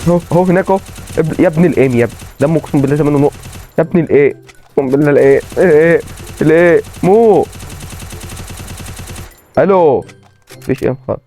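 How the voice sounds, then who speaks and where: A man with an Egyptian accent commentating his own gameplay and repeating excited exclamations. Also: a little high. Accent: Egyptian Arabic. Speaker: gaming channel host.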